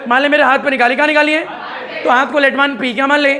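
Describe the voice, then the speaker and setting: A man's voice: very high voice, steady tone, fast, sharp tone, a faint crowd. Guy teaching physics in a classroom, keeps asking the kids questions, faint class noise behind. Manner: keeps quizzing students with repeated questions and jokes. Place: tuition classroom with students.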